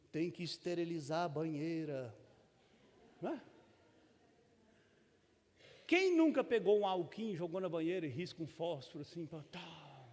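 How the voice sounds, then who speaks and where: A slightly high, slightly mellow male voice belongs to a middle-aged Brazilian pastor giving a sermon. His style is relaxed and folksy, peppered with humor and repeated tag questions. The sanctuary setting lends the audio a long church reverb.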